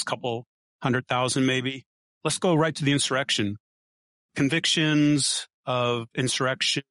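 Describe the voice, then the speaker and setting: A man's voice: medium pitch, a bit bright, no echo. A man arguing politics as a guest, pushing his points and running through statistics. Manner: argumentative, runs through statistics. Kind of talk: casual political debate.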